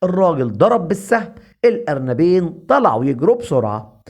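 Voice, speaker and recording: A man with an Egyptian accent tells a comic folk tale. His delivery is rapid and lively, in a fairly high voice. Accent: Egyptian Arabic. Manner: lively, repetitive. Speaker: storyteller.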